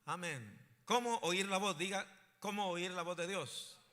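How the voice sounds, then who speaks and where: Male pastor, fairly high voice, church hall reverb. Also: a little slow, bright, forceful tone. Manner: rising to emphatic preaching bursts, asks the congregation questions. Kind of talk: sermon.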